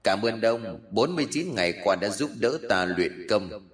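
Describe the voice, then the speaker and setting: A man voicing a sinister spirit trapped in a cursed plant, speaking in a hushed, mocking way. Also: lowish voice, animated, normal speed, in a large hall, a crowd in the background, lightly acted. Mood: gloating.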